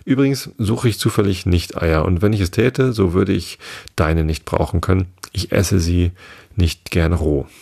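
A man reading the part of a curious, indignant little girl in a storybook, his husky voice lifted only a little. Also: deep voice, moderate pace, darkish tone, no echo, heavily acted. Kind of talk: audiobook reading of a classic tale.

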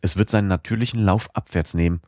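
A man voicing an excitable older professor with a brisk, lecturing manner in an audiobook. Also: low voice, dry recording, studio quality. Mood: eager. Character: excitable older male professor, eager and commanding. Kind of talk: audiobook character voice.

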